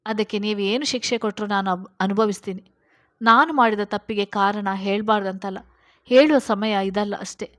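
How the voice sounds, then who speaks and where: A woman's voice: medium pitch, moderate pace, natural voice. Woman reading as tearful earnest young bride Shree. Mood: remorseful. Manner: pleading, emotional.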